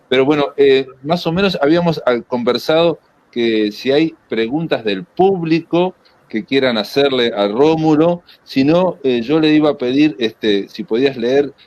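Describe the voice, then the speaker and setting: A man with a Rioplatense Spanish accent moderating a literary interview in a conversational, halting and discursive way, often rephrasing. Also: mid-range voice, highs cut off.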